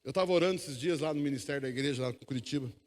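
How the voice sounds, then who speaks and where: A man's voice: medium pitch, racing. A man preaching a sermon, emphatic, calling the congregation to repeat after him. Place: church hall. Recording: long echo of a church hall.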